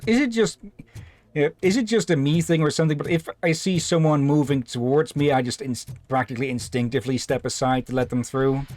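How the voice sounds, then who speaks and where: A man hosting a let's play, giving casual commentary in a halting, rambling way. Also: medium pitch, darkish tone, no echo. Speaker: gaming video host.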